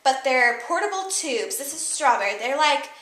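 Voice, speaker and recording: Chatty high-voiced young woman in an echoey room. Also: very animated, normal speed, bright, forceful tone, slight background noise. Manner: chatty, rambling, lots of fillers. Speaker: vlogger. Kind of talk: casual product haul chat. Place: room with a table by windows, indoors. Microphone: camera mic a few feet away.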